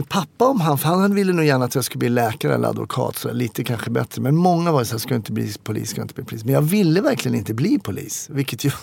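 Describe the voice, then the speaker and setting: A man speaks candidly in an interview, with a deep gravelly crackle in his voice. He thinks aloud, often pausing and hesitating as he tells his stories. The sound is dry and close, with no room around it. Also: darkish tone, no room sound. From Stockholm, Sweden. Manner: reflective storyteller, frequent hesitations. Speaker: guest, former police officer.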